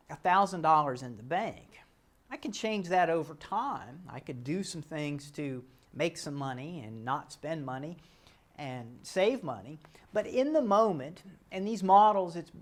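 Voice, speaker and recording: A man calmly teaching a self-help model, explaining step by step and often correcting himself mid-sentence. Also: a little high.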